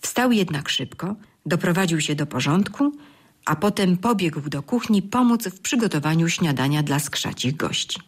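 Woman, storybook narrator, low husky voice, calm and measured.

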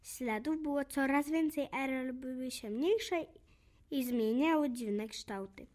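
A woman narrating a children's story in an expressive, gently animated way. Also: sits high, a little slow.

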